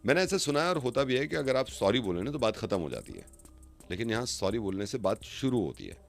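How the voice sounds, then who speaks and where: A man making a prank phone call, insistently apologizing and growing more exasperated and loud. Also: medium pitch, big pitch swings, quick pace, creaky, soft background music. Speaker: radio prank caller.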